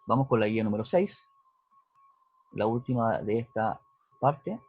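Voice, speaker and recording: A man's voice: lowish voice, expressive, measured pace. A male physics teacher, talking through a recorded lesson and often checking in with his students. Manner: explanatory, checks in with "¿cierto?" and "¿ya?". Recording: dry, husky, phone-like narrowband audio.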